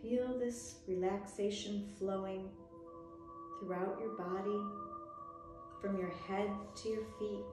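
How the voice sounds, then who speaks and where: A woman guides a relaxation meditation very slowly in a soft, soothing voice of medium pitch. She leaves long, gentle pauses between short phrases. The sound is heavily reverberant, with music playing behind her. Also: steady tone.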